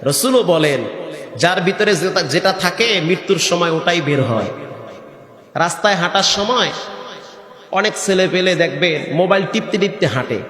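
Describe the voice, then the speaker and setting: High, bright male preacher, chanting sermon with folksy questions to the crowd, long reverb. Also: animated, moderate pace. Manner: swings between sung chanting and rustic conversational asides. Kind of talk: Bengali waz sermon with sung recitation. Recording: echoey hall with long reverb.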